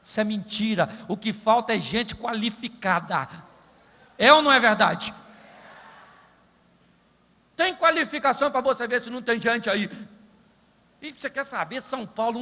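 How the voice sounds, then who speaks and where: A man preaching a sermon as pastor, comic and animated, asking the crowd rhetorical questions. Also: extremely high pitch, big-room sound. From Brazil.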